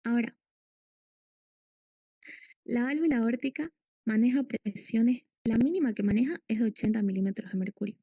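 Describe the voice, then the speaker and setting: A woman teaching a medical class, explaining step by step and putting questions to her students. Her voice sits a little high, with a gravelly edge and a mellow, dark tone. The sound is dry and close. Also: moderate pace, pauses often, dry recording. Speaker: lecturer. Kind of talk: medical lecture.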